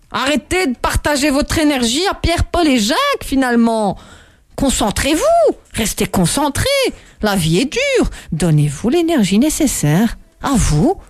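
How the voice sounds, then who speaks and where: Woman host, slightly high voice, animated and jokey, loose self-interrupting delivery, dry close sound. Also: dry recording. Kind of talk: casual motivational talk.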